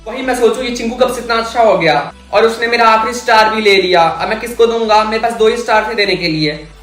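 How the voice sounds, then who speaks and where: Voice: mid-range voice, a little fast, a bit bright, reverberant, soft background music, lightly acted. A voice actor playing an anxious schoolboy in a cartoon, who worries aloud and talks to himself. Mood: worried. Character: anxious schoolboy scheming to collect stars. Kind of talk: cartoon dialogue.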